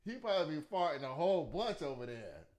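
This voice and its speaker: A man with an American accent hosts casual comic news commentary, animated, colloquial and full of mocking exclamations. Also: on the high side, quick pace. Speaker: talk show host.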